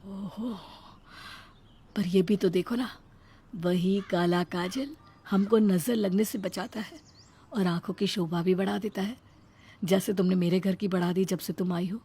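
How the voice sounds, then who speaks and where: A woman's voice: medium pitch, fairly even intonation, a little slow, long pauses, dark tone, husky. A woman voicing a kind young husband in a cartoon story, soothing and coaxing.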